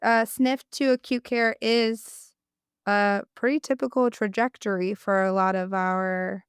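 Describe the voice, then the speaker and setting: A young adult woman, a speech-language pathologist, co-hosts a casual podcast, sounding congested from a cold as she rambles enthusiastically and corrects herself. Her mid-range voice is smooth and steady, a little slow, recorded dry with clean studio sound.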